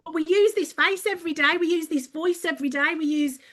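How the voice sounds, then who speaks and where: This podcast guest, an English woman with a Birmingham accent, has a very high, fairly bright voice and a brisk delivery. She laughs easily and tells her stories with animation.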